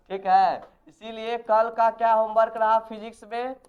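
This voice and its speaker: A man's voice: high-pitched, clean tone, dull audio. A male physics teacher, giving a classroom lecture and quizzing his students. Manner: instructive, assigns homework and quizzes the class with repeated questions.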